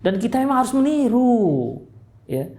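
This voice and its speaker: A man's voice: extremely high pitch, sing-song, moderate pace, dark tone. A man with a Medan accent giving a study sermon in a mosque, acting out quoted speech with big jumps in his voice. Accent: Medan Indonesian. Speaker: preacher.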